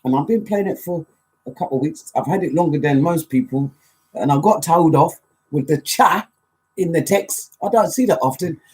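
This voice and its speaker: A woman DJ hosting a live show, chatting casually, joking and giving shout-outs to listeners. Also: low voice, moderate pace, breathy edge, rough recording. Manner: chatty, animated, jokey. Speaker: DJ and show host.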